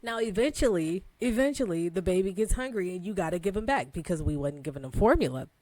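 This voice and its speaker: A woman in her thirties, co-hosting a podcast, telling a story in a casual, animated way with relaxed phrasing and frequent laughter. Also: fairly low pitch, fast talker, no echo. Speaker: podcast co-host.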